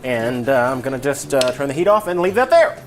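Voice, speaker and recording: A man's voice: mid-range voice, big pitch swings, brisk. A man hosting a casual, comedic cooking lesson in a loose, rambling drunk manner, irreverent and a little profane. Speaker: cooking video host. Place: home kitchen.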